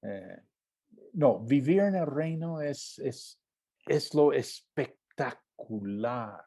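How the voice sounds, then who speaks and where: A man's voice: animated, extremely slow. A man preaching a conversational sermon, often asking the congregation questions and acting out quoted voices. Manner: acts out mocking quoted voices, high and shouted.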